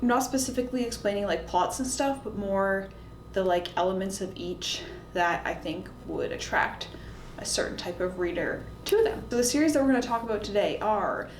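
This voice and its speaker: She's a book reviewer hosting a video, speaking expressively at a moderate tempo and chatting informally to camera about what she recommends and why. The recording echoes around the room, with faint rumble and background noise.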